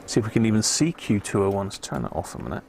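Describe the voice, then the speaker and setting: Working on radios as a hobby, this British livestream host keeps up a casual running commentary, muttering and thinking out loud. He speaks rapid-fire in a lowish, expressive, creaky voice, with background noise in the clip.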